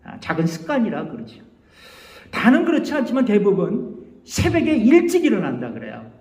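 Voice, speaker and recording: A male pastor preaching an animated sermon in a church and leading the congregation to repeat phrases. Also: high-pitched, moderate pace. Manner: animated, leads the congregation in call-and-response. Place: church sanctuary. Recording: echoey church hall.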